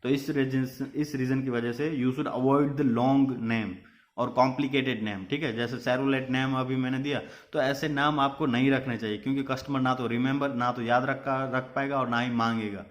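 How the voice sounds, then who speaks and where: A man's voice: medium pitch, steady tone, moderate pace. Man teaching a business class. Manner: mixes Hindi and English, repeats points with "ठीक है". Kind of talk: classroom lecture.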